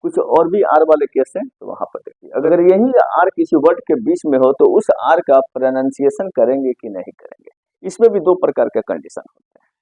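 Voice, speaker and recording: A man's voice: fairly high pitch, sing-song, moderate pace, husky, no echo, highs cut off. A man teaching an English pronunciation lesson in Hindi, asking questions and answering them himself, repeating key points. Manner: stretches out single words, often ends with "ठीक है ना?".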